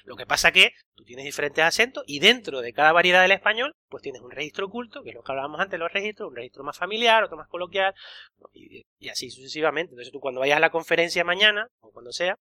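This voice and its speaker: A man co-hosting a podcast, talking in an animated, opinionated way with frequent restarts. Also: on the high side, fast talker. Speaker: podcast co-host. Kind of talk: casual conversation.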